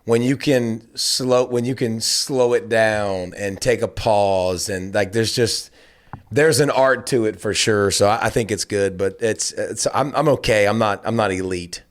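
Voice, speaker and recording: A middle-aged man co-hosting a casual conversation, talking in a lively way, repeating words and acting out quotes. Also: fairly low pitch, measured pace. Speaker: podcast co-host and dad.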